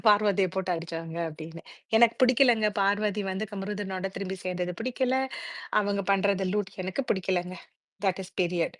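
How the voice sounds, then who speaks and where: Slow, emphatic woman. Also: medium pitch, no echo. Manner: emphatic, opinionated, switches between languages mid-sentence. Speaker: reality show reviewer in an audio chat room. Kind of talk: opinionated live audio chat.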